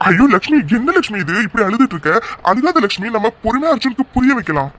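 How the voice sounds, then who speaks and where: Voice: medium pitch, big pitch swings, fast talker, fairly bright tone. An actor doing a worried, soothing father. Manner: soothing, coaxing.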